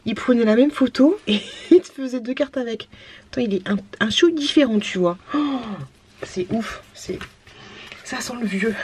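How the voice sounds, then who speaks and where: A woman's voice: fairly high pitch, a little mellow, slight background noise. A woman in her thirties chatting casually in a home vlog, slangy and giggly as she shows off nostalgic finds. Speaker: vlogger.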